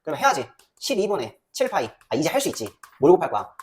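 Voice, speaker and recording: Animated woman teaching math. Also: deep voice, slight background noise. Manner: lively, banmal with quick questions to students, muttering while calculating. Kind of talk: classroom lecture.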